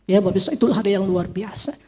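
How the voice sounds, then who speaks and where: A middle-aged woman giving an emotional church testimony, telling her story with lively acted quotes. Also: medium pitch, fast, a little hiss or hum. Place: church hall. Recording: long reverb of a church hall.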